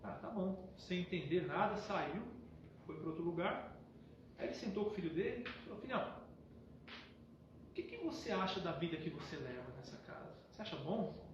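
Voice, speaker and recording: Man lecturer, high-pitched voice, storytelling lecture, acts out both father and son, very echoey hall, far from the mic. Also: moderate pace. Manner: acts out dialogue, switching between a calm father and a pleading high-voiced son. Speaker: spiritist lecturer. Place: spiritist center hall. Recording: echoey hall, distant lo-fi mic, faint hiss.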